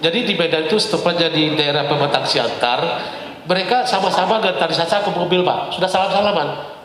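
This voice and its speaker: A man from West Sumatra telling a lively personal story as a talk show guest, laughing often and often addressing the host as "Pak". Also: a little high, a little fast. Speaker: guest speaker. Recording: echoey hall reverb.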